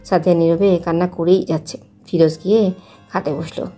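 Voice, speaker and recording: Young woman narrator, mellow timbre, steady story reading. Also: on the low side, brisk, soft background music.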